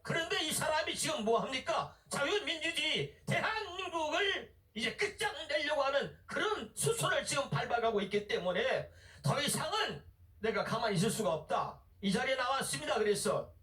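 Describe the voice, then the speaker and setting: Shouting pastor at an echoey rally. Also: male voice, very high voice, very animated, normal speed. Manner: shouting, preaching with rising intensity. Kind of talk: fiery political rally sermon. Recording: echoey loudspeaker sound from far off.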